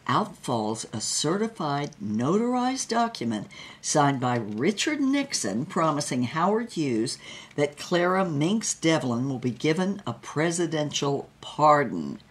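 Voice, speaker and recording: Speaking at a measured pace, a woman with a deep and very animated voice performs as a wry, brassy showgirl. She narrates her own life story in a theatrical, vivid, first-person dramatized style.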